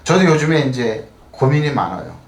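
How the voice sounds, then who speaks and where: A man's voice: medium pitch, sing-song, moderate pace, roomy sound. An older man preaching a conversational sermon as pastor, often throwing rhetorical questions at the congregation. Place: church.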